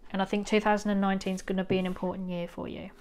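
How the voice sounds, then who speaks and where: A woman giving a tarot reading to her viewers. Her voice is smooth and clear. She talks in an encouraging, meandering way and pauses often on ums. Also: medium pitch, level tone. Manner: gentle, encouraging, rambling with ums. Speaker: tarot reader. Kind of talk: pick-a-card tarot reading.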